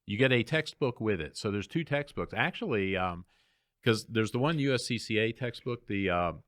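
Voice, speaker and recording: A man's voice: lowish voice, expressive, normal speed, a bit bright, dry recording, studio quality. A man who teaches firearms classes, explaining his course in an easygoing way with plenty of ums on a talk radio show. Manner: easygoing, explains with many fillers. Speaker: firearms instructor. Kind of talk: casual talk radio chat.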